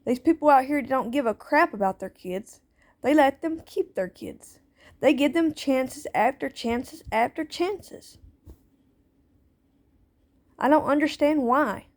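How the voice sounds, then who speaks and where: A woman's voice: sits high, animated, takes it slowly, pauses often. A woman speaking out as a parent in a personal monologue, plaintive and aggrieved, repeating herself with nonstandard grammar. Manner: plaintive, aggrieved, repetitive phrasing.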